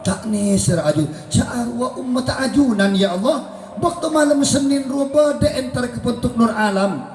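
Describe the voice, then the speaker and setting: A man preaching a sermon, telling the story with acted dialogue and a pitch that swoops up and down. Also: animated, normal speed. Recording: echoey hall with faint noise.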